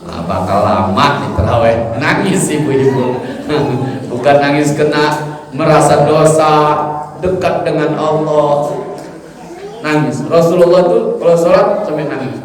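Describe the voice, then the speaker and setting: A man preaching a humorous, animated study sermon in a mosque, now and then mimicking chanted prayers and neighbourhood gossip. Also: a little high, measured pace. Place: large mosque hall. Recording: echoey hall, mic from far off.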